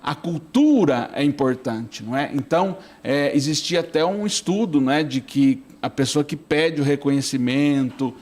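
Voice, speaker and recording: A middle-aged man speaking as a priest in a relaxed talk-show conversation. His voice sits a little high for a man. He rambles in a friendly way, checking in with the listener after almost every sentence. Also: normal speed, hardly any pauses. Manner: chatty, keeps asking "não é?". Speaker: priest, studio guest.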